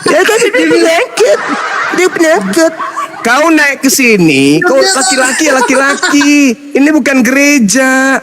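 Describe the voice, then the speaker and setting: Very high-pitched man, taunting. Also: very animated, measured pace. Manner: mocking, taunting, keeps firing back "hah?". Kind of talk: heated live debate. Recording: loud background noise.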